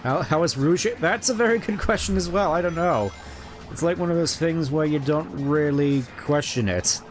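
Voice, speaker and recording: A man's voice: on the high side, lively intonation, normal speed. A man giving casual live game commentary as a streamer, musing and rambling wryly. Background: game music.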